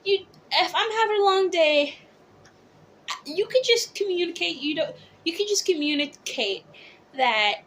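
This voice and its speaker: Very high-pitched drag queen vlogger, chatty and theatrical. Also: expressive, unhurried, a bit bright, slight background noise. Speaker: drag queen video host. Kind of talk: casual chatty opinion vlog, reading comments aloud.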